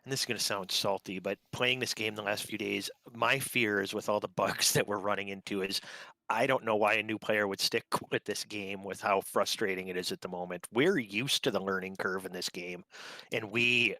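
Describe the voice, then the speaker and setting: A man's voice: fairly low pitch, steady tone, normal speed, sharp tone, no room sound, poor audio. A man speaking as a panelist in a live casual roundtable, giving frank, earnest opinions.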